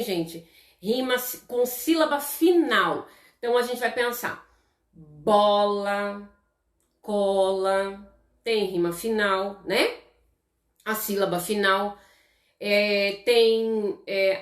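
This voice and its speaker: In an echoey room, a Brazilian woman with a slightly high voice teaches a live class over the internet. Her pace is slow and explanatory, her accent Brazilian Portuguese, and she stays chatty with viewers, checking in again and again with "tá?".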